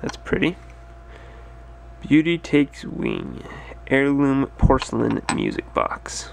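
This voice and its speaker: A man with a middle-pitched, gravelly voice talks casually to a handheld camera, thinking aloud as he sorts through totes. The recording carries clear background noise from a cluttered stock room. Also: huge pitch swings, takes it slowly. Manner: musing, thinking aloud while sorting. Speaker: resale store owner. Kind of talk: casual narrated unboxing vlog. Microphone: handheld or head-mounted camera.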